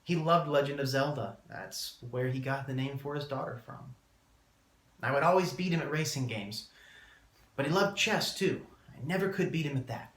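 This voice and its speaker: A man delivering a prepared eulogy as a speech, solemn and measured, with deliberate pauses. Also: mid-range voice, a bit bright. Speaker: student speaker giving a eulogy. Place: indoor room, public speaking class. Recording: roomy, echoing room sound.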